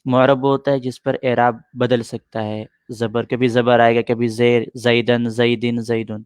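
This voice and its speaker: A man's voice: mid-range voice, flat delivery, darkish tone, clear, resonant tone, no echo, clean studio sound. A middle-aged man teaching an Arabic grammar lesson in a patient way, repeating points and answering students' questions.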